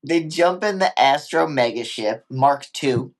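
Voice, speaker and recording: Profane, animated male podcast co-host. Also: medium pitch, unhurried. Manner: profane, animated, acts out characters' lines. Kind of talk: casual recap chat.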